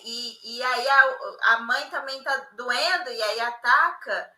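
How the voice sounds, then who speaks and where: Bright high-voiced woman in an echoey room. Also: takes it slowly. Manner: reflective, filler-heavy with frequent "né?". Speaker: daughter, co-host. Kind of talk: casual conversation.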